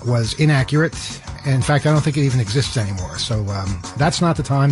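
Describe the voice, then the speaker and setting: A man hosting a radio show in a casual, hesitant, conversational way. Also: mid-range voice. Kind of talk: casual talk radio chat.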